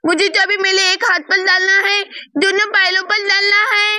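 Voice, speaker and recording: A woman's voice: very high voice, little pitch movement, normal speed, bright, forceful tone, full character voice. A woman voicing a vain, demanding young girl doll in a doll play-acted story. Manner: whiny, demanding.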